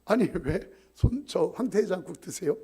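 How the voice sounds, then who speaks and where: Casting: a courteous restaurant manager, fairly high, a bit raspy, as a preacher puts him on. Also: male voice, expressive, moderate pace, mellow, full character voice. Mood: concerned. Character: restaurant manager, man, polite and concerned.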